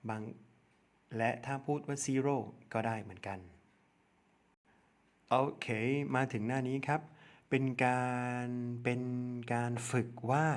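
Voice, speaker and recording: Slow, patient Thai-accented male teacher. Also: mid-range voice. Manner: spells letters one by one, repeats words for children. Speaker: primary school English teacher. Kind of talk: slow step-by-step lesson narration.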